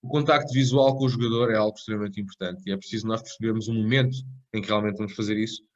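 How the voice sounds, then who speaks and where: A man delivers a coaching course lecture at a quick clip, his voice sitting low. He rambles, leaning on constant tag questions and restarting phrases. The recording sounds dull and lo-fi. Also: fairly even intonation. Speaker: tennis coach educator.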